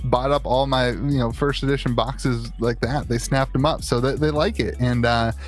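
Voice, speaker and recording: An excitable man hosting a casual interview, eager and tripping over his words as he asks questions. His voice sits at an ordinary middle pitch, with faint music playing behind him. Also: normal speed. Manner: enthusiastic, stammering restarts. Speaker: host.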